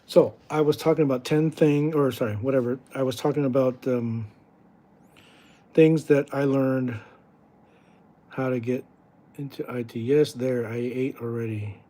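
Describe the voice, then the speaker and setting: A man's voice: medium pitch, steady tone, unhurried, pauses often, mellow. A man hosting a casual home livestream, chatting with viewers in a rambling, joking, easily distracted way and often correcting himself. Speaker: livestream host. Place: home room with houseplants, indoors.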